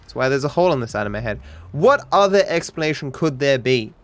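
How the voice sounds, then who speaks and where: A man with a cultivated Australian accent close to British, chatting casually and rambling with deadpan humor as he hosts a gaming stream. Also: medium pitch, quick pace. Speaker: livestream host, speedrunner. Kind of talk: casual chat while gaming. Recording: music behind the voice. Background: music.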